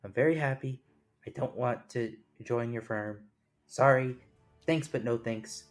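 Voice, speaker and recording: A man's voice: mid-range voice, unhurried, faint music behind, lightly acted. An actor playing a timid young man who avoids confrontation and refuses politely in a flustered way. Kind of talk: tabletop role-play voicing.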